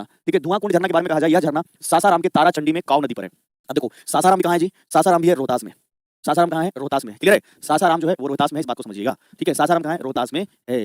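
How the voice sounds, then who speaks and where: A man's voice: fairly high pitch, no echo, studio quality. A man teaching a live online exam-prep class, drilling students with repeated questions and answers.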